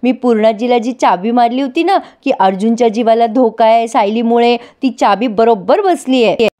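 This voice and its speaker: A woman's voice: fairly high pitch, moderate pace, dark tone, lightly acted. A woman voicing a scheming young woman who gloats over her plot. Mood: gloating. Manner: sly, gloating.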